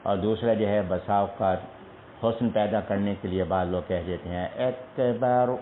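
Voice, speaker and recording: A man's voice: low-pitched, steady tone, a little hiss or hum. A man teaching a Quran recitation lesson, patiently spelling out pronunciation syllable by syllable. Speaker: religious teacher. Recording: echoey tinny lo-fi broadcast audio.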